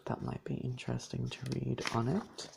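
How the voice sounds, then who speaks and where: A man chatting in a gentle, reassuring ASMR style, sometimes half-whispering while he eats and sips a drink. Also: medium pitch, huge pitch swings, moderate pace, gravelly, heavy background noise. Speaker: ASMR creator. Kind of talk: soft-spoken ASMR chat.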